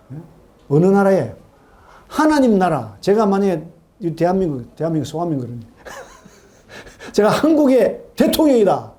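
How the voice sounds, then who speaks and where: A middle-aged man preaching a sermon in a church, animated, asking his congregation questions and acting out quoted voices. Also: high voice. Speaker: pastor. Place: church sanctuary.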